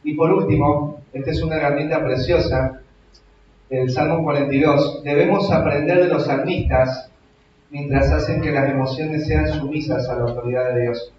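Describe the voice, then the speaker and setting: A young adult man with a Rioplatense Argentine accent, preaching a sermon in a church hall, shifting from hushed reflection to loud emphatic exhortation. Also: a little high, fairly even intonation, normal speed, a little hiss or hum. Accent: Rioplatense Argentine Spanish. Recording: very echoey hall, distant, dull.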